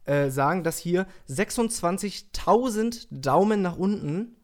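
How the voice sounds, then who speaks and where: A young man hosting a casual talk show, telling stories in a relaxed way with blunt, crude jokes. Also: high-pitched, a little slow. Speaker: podcast host and YouTuber. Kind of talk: casual chat.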